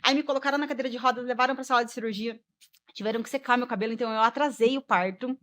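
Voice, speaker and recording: A woman's voice: a little high, fairly even intonation, very fast, a bit bright. A woman, a guest mother telling her personal story expressively, acting out the dialogue and laughing along the way.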